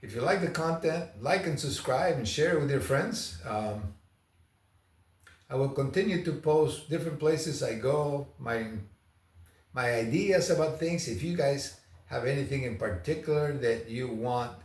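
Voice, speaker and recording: This man from Argentina, a travel vlogger, chats about first impressions in a loose, storytelling way. His mid-range voice has lively intonation and an unhurried pace, and a distant microphone picks up a roomy echo.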